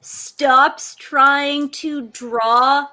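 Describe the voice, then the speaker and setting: A woman's voice: high-pitched, steady tone, drawn-out words, sharp tone. A woman playing in a tabletop game, chatting casually. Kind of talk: casual chat.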